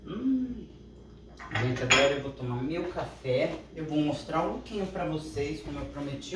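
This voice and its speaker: An older woman with a Brazilian Portuguese accent chats to her viewers from her kitchen in a homely, easygoing way. Her voice sits fairly low but swings up and down with a lot of life. The kitchen gives it a roomy echo. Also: far from the mic, a little hiss or hum. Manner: chatty and homely, talks to viewers while cooking. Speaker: vlogger. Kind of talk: casual home vlog chat. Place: home kitchen.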